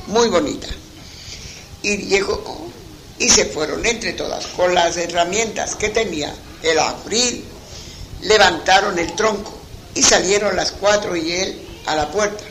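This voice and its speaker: A man telling a folk tale aloud in a plain, unhurried way, repeating phrases as he goes. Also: sits high, fairly bright tone, slight background noise, low-quality recording. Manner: plain, unhurried storytelling with repetitions. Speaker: storyteller.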